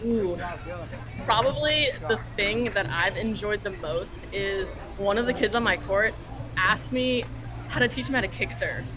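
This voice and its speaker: A young woman, a tennis camp counselor, speaking earnestly and eagerly about teaching kids. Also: medium pitch. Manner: eager and earnest, repeats "I love". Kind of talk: casual interview answer. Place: outdoor tennis courts.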